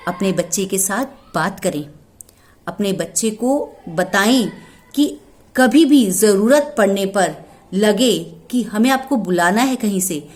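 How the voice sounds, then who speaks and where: Woman, storyteller, parenting advice, expressive, hushed whispers, lively pitch, fairly high voice. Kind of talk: children's story narration, then parenting advice.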